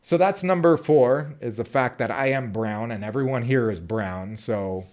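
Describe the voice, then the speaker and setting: This vlogger in his 30s, born in Colombia and raised in Southern California, rambles unscripted to the camera with plenty of fillers and restarted sentences. His voice is medium-pitched and darkish, at a normal pace.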